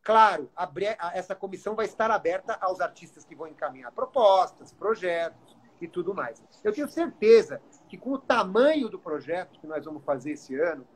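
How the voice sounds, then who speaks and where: A man's voice: sits high, animated, a little fast, husky. A Brazilian man, a city culture official, speaking earnestly in a live online interview, with frequent fillers and restarts. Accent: Brazilian Portuguese.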